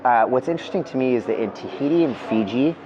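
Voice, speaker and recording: A guest evangelist is interviewed, talking fast in a mid-range voice. He's a relaxed, enthusiastic storyteller who keeps the tone casual and often says "man" and "dude." The recording is lo-fi with music behind him.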